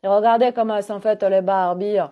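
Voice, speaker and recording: A woman's voice: medium pitch, steady tone, fast, phone-quality sound. A middle-aged woman with a southwest French accent from the Gers, a holistic coach talking in a casual spiritual monologue that rambles, full of hesitations and fillers. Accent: Gers, southwest France.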